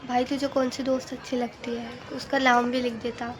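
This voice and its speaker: In a casual Q&A vlog, a young woman with a slightly high voice reads out fan questions and answers them frankly at a normal pace. She often tacks "okay?" onto the end of her sentences. The home recording has a steady layer of background noise.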